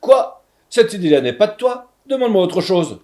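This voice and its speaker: A man's voice: high voice, sing-song, normal speed, dark tone, pitched above the performer's own voice. A man voicing a spiteful old female witch in a storybook reading, with a raised, shrieking, mocking delivery. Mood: enraged.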